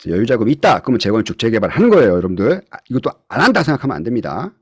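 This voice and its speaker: A man's voice: medium pitch, sing-song, racing, husky, no echo. Guy giving an online real estate class, voice jumps up and down a lot, keeps asking the class stuff, dry close sound. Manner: questions the class often, swings between loud and soft. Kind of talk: online lecture to students. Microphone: computer mic on a video call.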